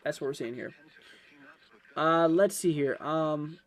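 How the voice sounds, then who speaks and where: A man's voice: a little high, slow pace, fairly bright tone. A man hosting a live severe weather stream, explaining things in a rambling, repetitive way as he answers his viewers. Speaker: weather livestream host. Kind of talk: live severe weather commentary, reading chat.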